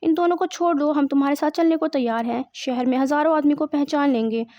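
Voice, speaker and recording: A woman reading the lines of a calm, resolute woman fighter in a play. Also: high voice, no room sound, dull audio, close to an everyday voice.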